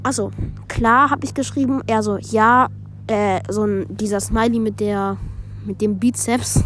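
A woman vlogger reading a group chat aloud in a casual way, with quick asides between the messages. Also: mid-range voice, steady tone, fairly bright tone, slight background noise.

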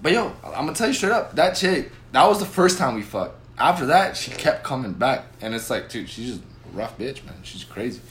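A brash man in his twenties talks fast and teases his co-host with profane banter. His voice sits a little high, and it echoes in a bare room over faint background noise. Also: big pitch swings, a bit bright. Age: 20s. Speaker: podcast co-host. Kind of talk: crude casual chat.

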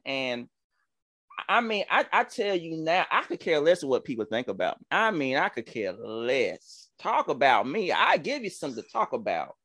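A man's voice: a little high, fairly bright tone, no room sound, studio quality. A man in his thirties from Georgia with a Southern accent, a podcast host and minister telling a testimony in a fervent, preacherly way with stammering restarts. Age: 30s. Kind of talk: testimony-style storytelling.

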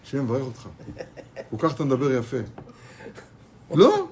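In a kollel study hall, a man teaches a lively Torah lesson to his students, speaking animatedly, repeating phrases and asking rhetorical questions. His voice is medium-pitched, steady and darkish, with slight background noise.

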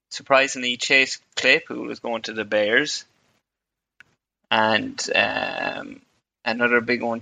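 A man co-hosting a sports podcast, giving a steady rundown in casual chat. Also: mid-range voice, creaky, dry recording. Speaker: podcast co-host.

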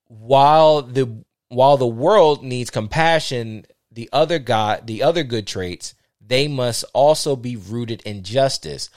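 A man's voice: medium pitch, darkish tone, dry recording. Male podcast host, casual scripture reader, trips over words and fixes them, dry close sound. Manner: stumbles and corrects himself while reading aloud. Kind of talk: casual Bible reading with commentary.

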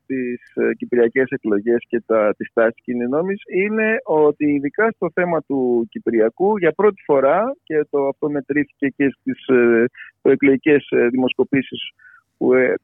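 A man from Greece giving spontaneous political analysis as a pollster in an interview, halting and searching for his words over a phone line. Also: medium pitch, expressive, no room sound. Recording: tinny, band-limited phone line.

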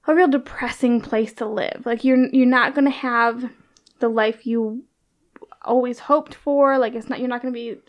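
A woman with a high voice chats casually in an office. Her talk is loose and teasing, padded with "like" and "um". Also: fairly even intonation, normal speed, dull audio. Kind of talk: casual chat.

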